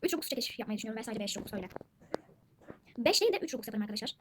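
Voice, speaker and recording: A high-pitched young woman rattling off quick, chatty gameplay commentary and calling out to her viewers again and again. She is recorded at home, with siblings' chatter clearly audible in the background. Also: lively intonation, background noise. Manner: chatty, addresses viewers constantly. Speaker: gaming channel host. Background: siblings talking in the background.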